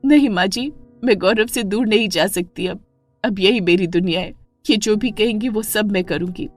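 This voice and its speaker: A woman voicing a gentle, mistreated young wife in an animated story, speaking softly and pleadingly. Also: mid-range voice, moderate pace, no room sound, soft background music, close to an everyday voice. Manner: soft, pleading.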